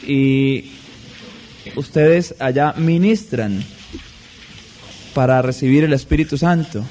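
A man preaching a sermon in a measured, deliberate way, stressing key words. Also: medium pitch, warm tone, slight background noise.

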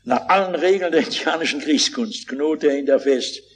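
A man's voice: on the high side, fairly quick, a little hiss or hum. An older man preaching a sermon, telling stories with fervent, dramatic delivery and acted-out quotes.

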